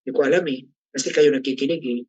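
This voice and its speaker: A man's voice: medium pitch, fairly even intonation, rapid-fire, a little mellow, breathy edge, no room sound, muffled recording. A middle-aged man leading a casual class discussion, chatty and teasing, often asking the group questions. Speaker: class facilitator.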